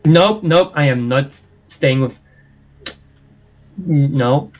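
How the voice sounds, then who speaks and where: A man's voice: fairly high pitch, slow, low-quality recording. A man chatting casually as a player in a tabletop role-playing game, with wry, exasperated banter.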